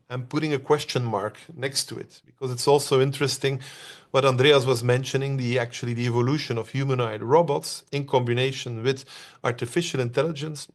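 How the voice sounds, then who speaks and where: A man from Belgium presents to an online audience at an everyday mid pitch. He talks loosely, filling pauses with "uh" and putting questions to his listeners. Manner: conversational, many "uh" pauses, asks the audience questions.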